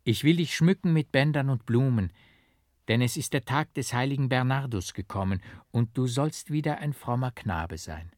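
A man voicing the gentle ghost of a mother admonishing her son in a storybook reading. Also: medium pitch, expressive, moderate pace, no room sound, studio quality, natural voice. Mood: tender, admonishing.

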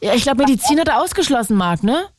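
A woman hosting a lively radio call-in guessing game, bubbly and quick to laugh as she sums up the clues. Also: high voice, noisy background. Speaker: radio call-in show host.

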